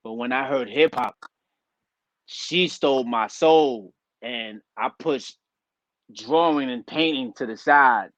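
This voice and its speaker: A man's voice: medium pitch, slow, a bit bright, no room sound, dull audio. A man from Liberia, a rapper, talking in a laid-back, conversational way as an interview guest. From Liberia, West Africa. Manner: laid-back, conversational, says "you know what I mean" a lot. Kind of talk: casual interview talk.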